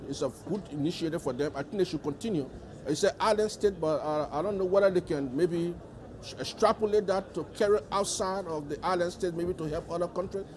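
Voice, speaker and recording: A man's voice: high-pitched, darkish tone. A man with a Liberian accent giving formal interview answers as a delegate, stressing points by repeating his phrases. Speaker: government delegate being interviewed.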